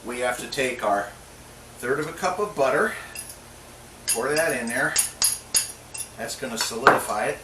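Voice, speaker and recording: A middle-aged man, medium-pitched and unhurried, pauses often as he hosts a relaxed cooking show in his home kitchen. He jokes and chats with himself throughout. Picked up by a distant microphone, the audio is roomy with clear background noise.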